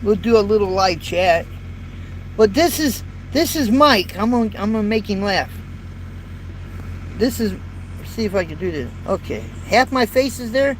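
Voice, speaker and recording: Sitting in his parked truck, a fifties-aged trucker talks casually to viewers live, rambling in a folksy style and repeating words. His light voice sits high and sounds animated; he speaks at normal speed but pauses often. A built-in phone or camera mic yields low-quality audio with faint traffic and road sounds.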